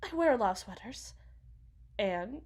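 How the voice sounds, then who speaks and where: In an ASMR roleplay monologue, a woman plays an anxious, fragile wife and mother who rambles haltingly and corrects herself as if she were to blame. Her voice is fairly high, sing-song, and a little mellow, and her mood comes across as nervous and fragile.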